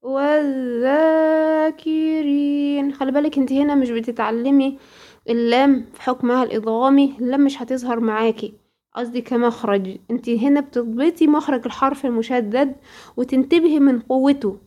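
Woman, Egyptian accent, high voice, recitation teacher, slow drawn-out examples, question-and-answer manner. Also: fairly even intonation, darkish tone. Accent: Egyptian Arabic. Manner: drills words in slow drawn-out recitation, asks rhetorical questions. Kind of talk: tajweed lesson to girls.

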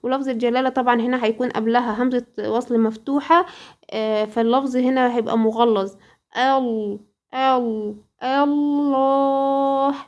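High-voiced Egyptian woman teaching recitation. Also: steady tone, darkish tone, dull audio. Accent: Egyptian Arabic. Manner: drills words in slow drawn-out recitation, asks rhetorical questions. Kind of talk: tajweed lesson to girls.

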